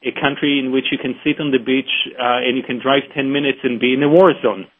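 A man from the United States with an Israeli-tinged English accent, a journalist guest on a phone interview, speaking earnestly and haltingly with many fillers. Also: mid-range voice, fairly even intonation. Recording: tinny phone line.

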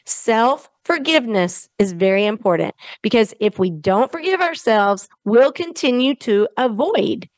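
Southern woman host, fairly high voice, slow and earnest, dry close sound. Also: expressive, no echo. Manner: earnest, encouraging, with chatty asides. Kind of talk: self-help podcast talk.

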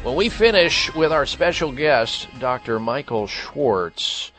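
A man's voice: medium pitch, sing-song, slow pace, over music, rough recording. An American man hosting a radio health call-in show in a talk radio style.

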